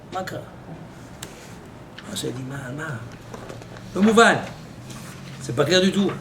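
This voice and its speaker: A man's voice: on the high side, gravelly. A man giving a Torah lesson as a rabbi, telling stories and quoting Hebrew and Aramaic texts. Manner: storytelling with Hebrew and Aramaic quotes, animated. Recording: noisy recording.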